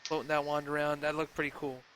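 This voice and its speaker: A man's voice: on the high side, flat delivery, quick pace, fairly bright tone, a little hiss or hum, low-quality recording. A young man hosting a casual gaming talk stream, chatting loosely with lots of fillers and restarts. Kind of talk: casual live-stream chat.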